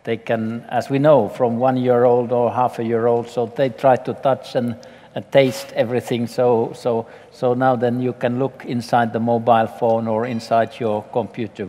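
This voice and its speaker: A man's voice: mid-range voice, little pitch movement, normal speed, warm tone. A man on a discussion panel in a large atrium, speaking earnestly and repeating words as he searches for them. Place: large glass atrium hall with audience. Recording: long hall reverb.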